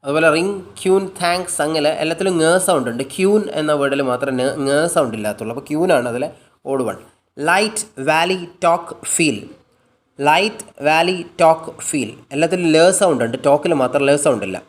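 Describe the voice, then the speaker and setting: A man with a Malayali accent teaching English. He reads word lists slowly, repeats them, explains each in his own language, and fixes his own slips as he goes. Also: a little high, animated. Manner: corrects his own slips mid-sentence.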